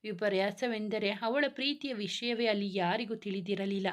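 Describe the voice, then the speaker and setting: A woman reads a romance story aloud at an even, mid pitch. Her narration is steady and expressive, in the manner of a storybook reading. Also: moderate pace.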